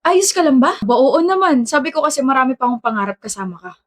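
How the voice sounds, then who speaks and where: A woman's voice: sits high, lively intonation, quick pace. A woman acting out a romantic skit, trading teasing, bickering lines. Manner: teasing, bickering back-and-forth. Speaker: skit actor. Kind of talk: scripted romantic skit dialogue.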